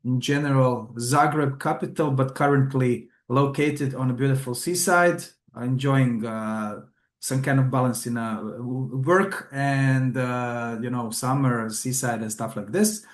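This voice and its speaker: A man's voice: medium pitch, steady tone, measured pace. Man, english, webinar lecture, hesitant fillers, roomy echo. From Croatia. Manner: hesitant, many fillers and restarts. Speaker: trainer.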